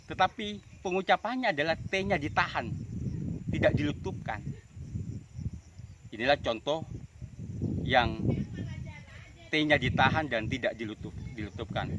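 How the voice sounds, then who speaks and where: A man teaching English pronunciation, slowly repeating example sentences in drills. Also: a little high, background noise. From Indonesia. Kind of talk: pronunciation lesson.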